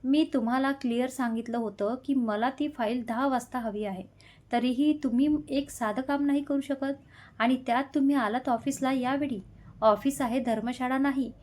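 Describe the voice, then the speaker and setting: A curt young male boss barks clipped orders in a storybook reading, put on by a woman narrator. He switches into English phrases and leaves no room for reply. The voice sits a little higher than a typical man's. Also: normal speed, darkish tone. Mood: angry shouting. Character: stern young male boss, cold then shouting.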